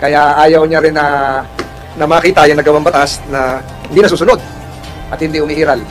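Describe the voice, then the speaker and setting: A man chairing a Senate hearing, measured and calming, pausing with fillers. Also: on the high side, faint music behind, poor audio.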